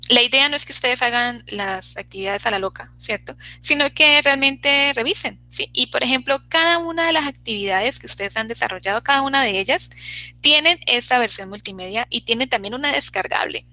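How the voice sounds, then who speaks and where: A woman's voice: on the high side, expressive, brisk, pushed and bright, rough recording. A woman teaching an online English class, checking in constantly with her students as she explains.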